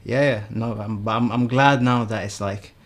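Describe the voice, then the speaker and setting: A young man in his twenties from Sweden, a guest talking in a halting, easygoing way with many restarts. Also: on the low side, steady tone. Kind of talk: casual chat.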